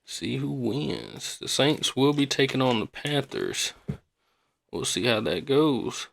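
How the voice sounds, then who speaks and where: Casual man with a heavy gravelly creak. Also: medium pitch, expressive, slow pace. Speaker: podcast host. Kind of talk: casual rambling podcast chat.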